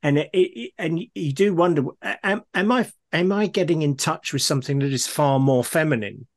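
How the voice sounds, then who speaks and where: A man's voice: fairly high pitch, normal speed. A man interviewing in a conversational way, musing tentatively and restating his thoughts as he goes.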